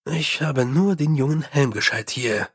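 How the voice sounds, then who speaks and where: A man's voice: a little high, a little slow, fairly bright tone, breathy edge. A male narrator voicing a brusque, exasperated commander of the city watch. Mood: brooding. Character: gruff, short-tempered male watch commander.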